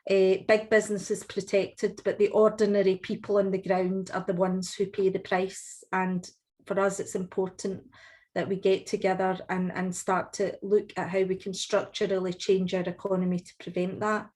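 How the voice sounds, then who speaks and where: Glaswegian woman speaking in even, measured tones. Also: mid-range voice. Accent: Glaswegian Scottish. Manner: measured, deliberately slow and clear. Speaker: trade union leader, invited speaker. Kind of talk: formal prepared speech to an online meeting.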